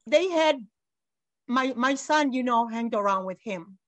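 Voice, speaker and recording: A woman's voice: fairly high pitch, animated, measured pace. A middle-aged mother giving emotional, insistent testimony as an interview guest, near tears and repeating herself.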